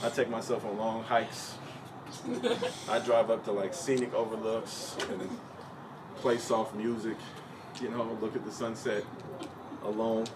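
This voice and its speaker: A man's voice: fairly low pitch, little pitch movement, measured pace, long pauses. A young adult man doing a profane, conversational stand-up comedy set on stage. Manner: profane, conversational, punchline-driven. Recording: distant, noisy stage recording.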